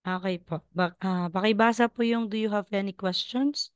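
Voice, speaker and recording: A woman's voice: mid-range voice, normal speed, smooth, no room sound. A woman from the Philippines teaching Korean over a video call, patiently coaching students and repeating sounds. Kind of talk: online class teaching.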